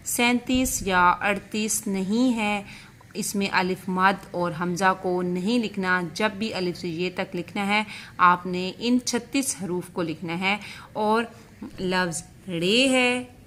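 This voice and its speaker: A woman's voice: medium pitch, fairly bright tone, slight background noise. A woman teacher with a Pakistani Urdu accent, patiently reading out letters one by one for young pupils. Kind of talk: recorded class lesson.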